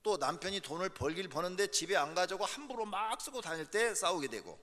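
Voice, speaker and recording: A man's voice: sits high, expressive, a little fast, sharp tone. A male pastor preaching a sermon, emphatic, driving points home by repeating key words. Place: church sanctuary. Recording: echoey church hall.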